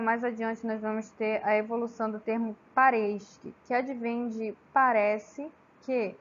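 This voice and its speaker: Woman, higher pitch; halting academic talk, dull lo-fi with faint room hum. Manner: halting, many tag questions and restarts. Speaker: student presenter. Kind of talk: academic oral presentation. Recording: slightly dull lo-fi with faint ambience.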